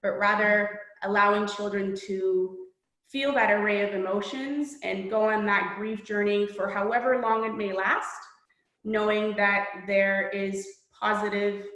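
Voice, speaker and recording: A middle-aged Polish children's book author reads aloud and then answers interview questions in an earnest, reflective, measured manner. Her pitch stays fairly flat, and the room sound is noticeably echoey.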